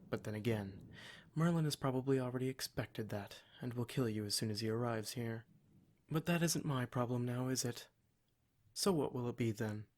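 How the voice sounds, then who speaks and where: Speaking to a captive listener in an ASMR roleplay, a man voices a smug male demon whose tone stays close to an everyday voice. His middling-pitched delivery uses measured, formal phrasing that drips with condescension and menace, and the mood is coldly threatening.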